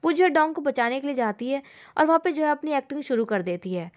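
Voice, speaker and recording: Woman narrating a drama recap, kinda high voice, steady storytelling. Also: quick pace, lo-fi sound. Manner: steady retelling, leans on the filler "जो है".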